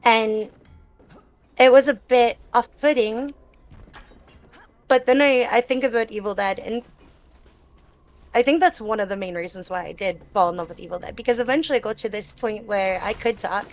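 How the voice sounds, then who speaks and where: A woman with a fairly high voice speaks at a moderate pace, leaving long pauses. She's a gamer being interviewed in a casual live Q&A, answering questions in a reflective, explanatory, conversational way.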